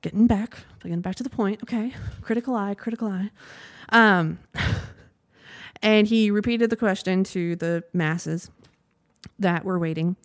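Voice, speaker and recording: A young woman in her twenties hosting a casual podcast, talking in a chatty, animated and rambling way. She laughs often as she tells a story, and her voice sits at a middle pitch. The recording is dry and close, with no room sound. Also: slow pace, dry recording. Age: young adult. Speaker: podcast host. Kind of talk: casual monologue.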